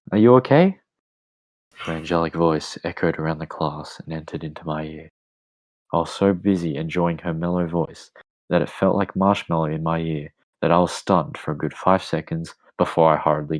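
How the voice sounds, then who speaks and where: Deep-voiced man reading a story. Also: rough recording. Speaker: podcast host. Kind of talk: reading a romance story aloud.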